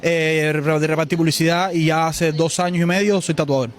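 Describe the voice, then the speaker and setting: A man in his twenties with a Cuban Spanish accent, answering a street interview outdoors in a city in a forceful, outspoken way. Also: fairly high pitch, steady tone, normal speed. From Cuba. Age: 20s.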